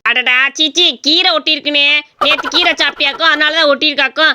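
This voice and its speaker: High quick woman, mocking cartoon voice. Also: sharp tone, slight background noise. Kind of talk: cartoon voice acting, teasing sidekick.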